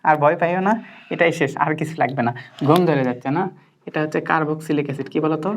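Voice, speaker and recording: A woman's voice: low-pitched, fairly even intonation, fast, slight background noise. A woman teacher, tutoring a student in chemistry and constantly quizzing and checking that she understands. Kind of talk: interactive tutoring lesson.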